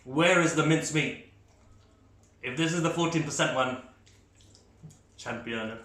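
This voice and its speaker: Bright-voiced man reviewing food, echoey. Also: fairly high pitch, unhurried. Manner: enthusiastic, talks while chewing. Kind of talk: casual food tasting commentary. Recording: echoey room.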